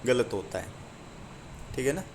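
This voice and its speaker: A man's voice: mid-range voice, lively intonation, a little slow, a little mellow, slight background noise. A man teaching a Hindi grammar lesson to exam students, explaining step by step, asking and answering his own questions and reading out lists of number words.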